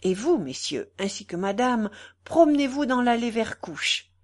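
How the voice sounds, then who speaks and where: A woman's voice: on the high side, sing-song, measured pace, pitched above the performer's own voice. A woman reading aloud, voicing a grown male gamekeeper who speaks with urgency. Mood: urgent. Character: grown male estate gamekeeper, alert and anxious.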